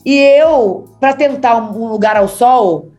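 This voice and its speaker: A woman's voice: a little high, takes it slowly, mellow, faint music behind. A talkative Brazilian woman, an actress, telling stories from her career in a casual, laughing way. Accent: Brazilian Portuguese. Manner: chatty, laughing, talks a lot. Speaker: actress, interview guest. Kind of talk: casual storytelling.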